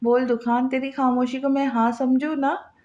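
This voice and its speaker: A woman's voice: sits high, flat delivery, normal speed, a little mellow, lightly acted. A woman reading the lines of a doting, fussing old grandmother in an audio novel. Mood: pleading. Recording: slightly dull lo-fi audio.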